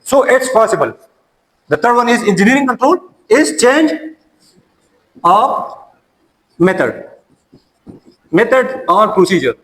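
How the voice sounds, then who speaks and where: A man's voice: extremely high pitch, sing-song, a little slow, long pauses, fairly bright tone, rough recording. A man, an Urdu speaker, teaching a classroom lecture and often repeating and restarting his words.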